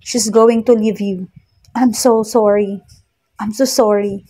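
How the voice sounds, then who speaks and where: A woman's voice: medium pitch, steady tone, takes it slowly, warm tone, husky. A woman voicing a guilt-ridden young woman who keeps apologizing through tears, in a read-aloud love story. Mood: tearful. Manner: apologetic, tearful.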